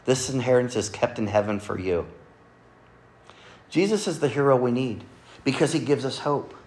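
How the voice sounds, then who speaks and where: A man preaching a Sunday sermon to a congregation, earnestly quoting scripture and often dropping to a soft, quiet delivery. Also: mid-range voice, normal speed. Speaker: pastor. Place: church service with congregation.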